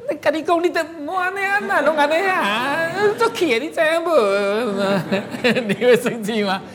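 A man's voice: very high voice, expressive, a little slow, background noise, pitched above the performer's own voice. A man voicing a Taiwanese opera woman who scolds in a sweet sing-song lilt, with a Taiwanese Hokkien accent. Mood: sing-song scolding.

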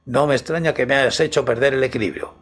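A man's voice: mid-range voice, fast talker, a bit bright, lightly acted. A man with a Spain Spanish accent voicing a haughty, irritable talking owl in a storybook tale, disdainful and indignant. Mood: offended.

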